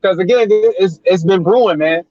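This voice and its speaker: A man's voice: high voice, normal speed, warm tone, muffled recording. A man co-hosting a podcast over a call, talking in laid-back slang and often agreeing. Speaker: podcast co-host. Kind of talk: casual podcast discussion. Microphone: remote call.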